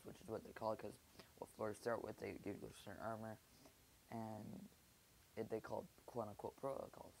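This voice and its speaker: A man who is sick, speaking softly and rambling hesitantly in a casual app review vlog. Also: mid-range voice, a little hiss or hum, rough recording. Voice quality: soft-spoken, subdued. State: sick, keeping voice quiet.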